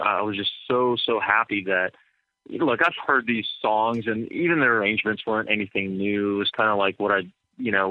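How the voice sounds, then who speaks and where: A man's voice: on the low side, dry recording. A man, a DJ and entrepreneur, talking casually as a podcast guest, rambling with many fillers and repeated words. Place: in Atlanta. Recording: thin phone-like sound.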